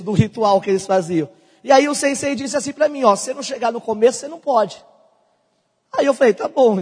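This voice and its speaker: A young pastor preaches a sermon in a very high, husky voice. His delivery swings between soft, close asides and loud, ringing calls. It is all heard through the long echo of a big hall. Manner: preaching with swells from quiet to loud.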